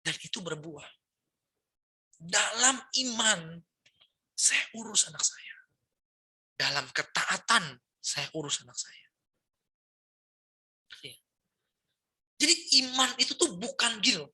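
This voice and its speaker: Male pastor, middle-aged, very bright tone, preaches like friendly chat, keeps checking in with listeners. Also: high-pitched, sing-song, takes it slowly, long pauses, husky. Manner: chatty, peppers speech with tag questions and English words. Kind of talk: conversational sermon.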